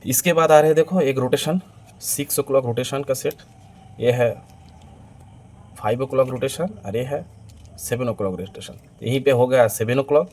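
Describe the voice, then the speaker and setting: An online coin seller presents his stock to camera for video viewers in an eager, repetitive, teleshopping-style hard sell. His mid-range voice is a little slow and a little mellow, with long pauses, in a clearly noisy amateur recording with ambient sound.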